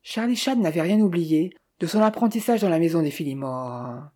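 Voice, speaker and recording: An audiobook narrator reading a detective novel in a measured, even way. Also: medium pitch.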